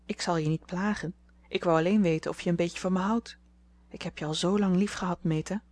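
A shy, earnest young man in love speaks in a gentle, pleading way, as a woman reading a storybook aloud voices him. He sounds tender and soft. Her voice sits a little low. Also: normal speed, natural voice.

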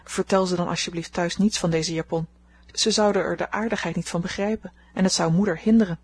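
Young woman at a ball, rueful and a little husky, read by a woman narrator. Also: on the low side, fairly even intonation, brisk. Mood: pleading.

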